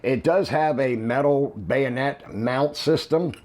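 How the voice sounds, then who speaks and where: A man unboxing and reviewing a camera lens, explaining in a relaxed way with frequent ums and uhs. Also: medium pitch, slow pace.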